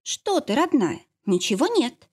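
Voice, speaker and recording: A woman's voice: sits high, sing-song, unhurried, a little mellow, breathy edge, voice pushed up, heavily acted. A woman voicing a worried, loving middle-aged mother in an audiobook, speaking in a fussing, soothing way. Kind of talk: audiobook character reading.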